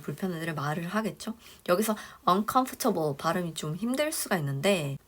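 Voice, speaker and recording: A woman teaching English phrases for a dental clinic front desk, explaining step by step and slowing down for each English phrase. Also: fairly low pitch, expressive, fairly bright tone. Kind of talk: spoken lesson.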